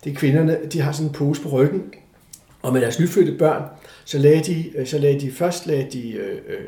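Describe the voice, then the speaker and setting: This is casual storytelling from an older man whose voice is fairly high. Recorded in a room with noticeable echo, he recounts something from his own life during a laid-back interview, acting out the voices of those he mentions with lively energy.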